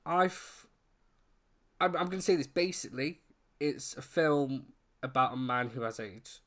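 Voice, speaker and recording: Male film podcast co-host, chatty and informal, mid-pitched, soft on his R's. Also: animated, unhurried. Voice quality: trouble pronouncing his R's. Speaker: co-host of a film review show. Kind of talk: casual film discussion.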